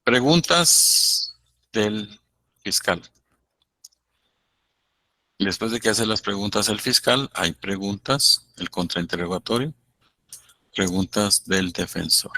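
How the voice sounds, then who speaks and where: A man lecturing law students, explaining slowly and acting out courtroom exchanges. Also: lowish voice, pushed and bright, no room sound. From Guatemala. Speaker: law professor. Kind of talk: university lecture.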